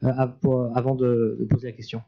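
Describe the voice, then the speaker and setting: A man informally moderating a public discussion, halting and searching for his words as he hands out turns. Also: medium pitch, little pitch movement, vocal fry, dull audio. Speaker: panel moderator.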